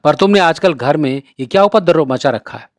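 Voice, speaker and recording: Brief: a man reading as a worried, educated husband, measured questions, dry sound. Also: fairly high pitch, expressive, no echo, close to an everyday voice. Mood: questioning. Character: calm educated elder brother, worried.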